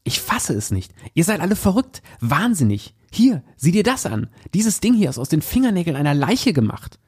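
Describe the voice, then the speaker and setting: A man's voice: fairly high pitch, very animated, moderate pace, darkish tone, husky, pitched above the performer's own voice. A man reading aloud the lines of a stubborn young man who speaks curtly and with disgust to his fiancée. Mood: outraged. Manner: curt and scornful.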